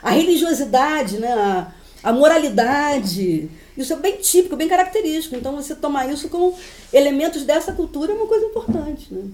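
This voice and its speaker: Animated high-voiced woman lecturer. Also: a little fast, reverberant. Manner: animated, storytelling, laughing often. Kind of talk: classroom lecture. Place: university classroom.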